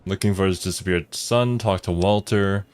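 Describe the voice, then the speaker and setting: Deep-voiced young man commenting on a game. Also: moderate pace, darkish tone. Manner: amused, musing aloud. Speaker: let's player.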